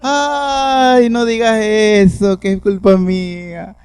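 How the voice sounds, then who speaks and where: A woman's voice: mid-range voice, fairly even intonation, takes it slowly, darkish tone, clear, resonant tone, dry recording, studio quality, voice pushed up, close to an everyday voice. A man voicing his elderly grandmother, who talks in a plaintive, whiny way as she frets and protests. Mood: fretful. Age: older. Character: fretful elderly grandmother, fussing and fearful.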